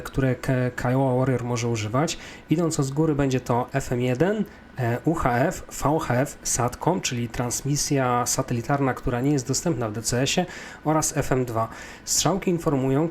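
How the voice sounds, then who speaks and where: Polish man giving a tutorial, noisy recording. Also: medium pitch. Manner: methodical, step-by-step explaining. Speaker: flight simulator tutorial instructor. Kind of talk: explanatory software tutorial, spoken off the cuff.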